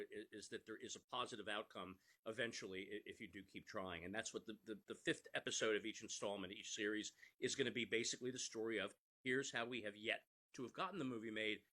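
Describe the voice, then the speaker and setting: A screenwriter and podcast creator appears as an interview guest, speaking earnestly and conversationally in a lowish, sharp-toned voice. He sometimes repeats words as he starts a phrase.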